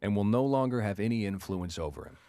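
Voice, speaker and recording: Guy narrating a how-to, deep and animated, dry mic. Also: fast talker. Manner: clear, explanatory. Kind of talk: scripted instructional narration.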